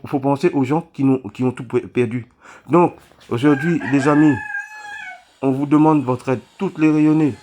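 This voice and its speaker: A man from Réunion speaking straight to his viewers, halting and full of restarts, pleading for help after a cyclone. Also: mid-range voice, a little mellow. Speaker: vlogger appealing for donations. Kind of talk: emotional appeal to camera.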